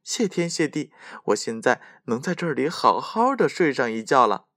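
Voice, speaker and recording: A man's voice: medium pitch, wildly swooping pitch, unhurried, a bit bright, no room sound, studio quality, voice pushed up, heavily acted. A man voicing a tiny, thumb-sized boy who is clever, playful and teasing in a storybook reading.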